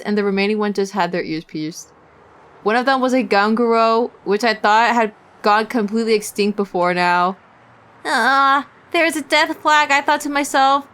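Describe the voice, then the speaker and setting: A young woman streaming a visual novel, reading its text aloud in an animated, giggly way and swearing freely. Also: a little high.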